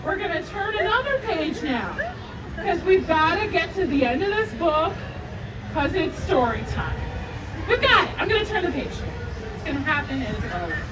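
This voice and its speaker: On an outdoor theme park stage, a young woman with a very high voice hosts a live children's story time at normal speed, animatedly projecting to the crowd and coaxing them along. An audience member's phone camera captures it from several meters away, so the sound is distant, echoey and full of crowd noise.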